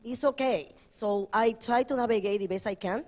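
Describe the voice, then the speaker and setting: A woman from the Dominican Republic speaking as an artist on a panel, halting and searching for words, with Spanish phrases mixed in. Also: fairly high pitch, darkish tone. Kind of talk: panel talk.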